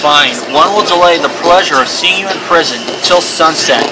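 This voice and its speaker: A man's voice: on the high side, moderate pace, close to an everyday voice. Man putting on a pompous, vengeful prince, noisy recording. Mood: grudging. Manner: pompous, imperious, calls himself "one". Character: haughty, vengeful young royal prince. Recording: clearly noisy background.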